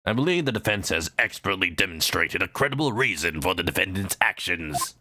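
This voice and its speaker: A man voicing a stern older courtroom judge in a video game, speaking formally and with authority in a gravelly voice over game music. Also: low voice, animated, fairly quick, noisy background, pitched below the performer's own voice. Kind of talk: dramatic reading of video game dialogue.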